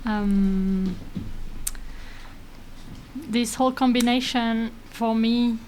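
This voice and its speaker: Woman guest, sound artist, casual interview; slightly high voice, frequent laughter, halting phrasing. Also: fairly even intonation, a little mellow, a little hiss or hum, low-quality recording. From France and Greece. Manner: laughs often, many hesitations.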